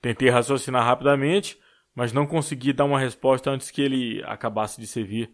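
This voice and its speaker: A man reading a story aloud as an audiobook narrator, in a steady storytelling manner. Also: mid-range voice, a little fast. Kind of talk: scripted narration.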